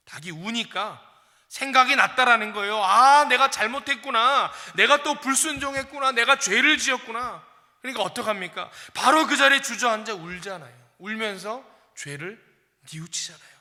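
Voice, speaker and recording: High, bright-voiced man preaching in hall. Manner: dramatic, acts out quoted speech with big swings in loudness. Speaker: pastor. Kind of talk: sermon. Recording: long reverb of a hall.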